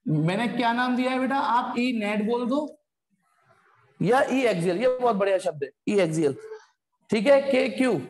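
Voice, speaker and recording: A man with a very high, slightly mellow voice teaches physics online. He takes the class through things step by step, interrupting to scold students in a blunt way. The audio has long reverb from an echoey room.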